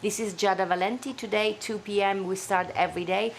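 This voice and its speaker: With a steady, mid-range voice that is a little fast and creaky, an Italian woman closes out her home live stream. As host she is effusive and talkative, her Italian-accented English carrying small slips, and a little hiss or hum sits under the audio.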